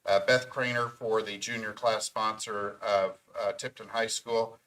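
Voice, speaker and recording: A man's voice: fairly low pitch, little pitch movement, unhurried, fairly bright tone, faint music behind, low-quality recording. A man chairing a school board meeting, reading names from a list with frequent ums and slightly out of breath.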